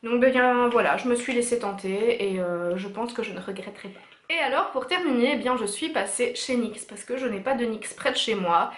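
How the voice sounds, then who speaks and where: A woman's voice: a little high, brisk, hardly any pauses, slight background noise. A young woman chatting casually and enthusiastically in a beauty haul vlog, with many fillers. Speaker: beauty vlogger. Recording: echoey room.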